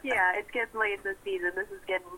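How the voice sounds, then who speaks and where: A woman's voice: medium pitch, fairly even intonation, quick pace, sharp tone, slight background noise, poor audio. A young woman calling in as a sports reporter, chatty, laughing often and restarting her sentences. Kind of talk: casual on-air report.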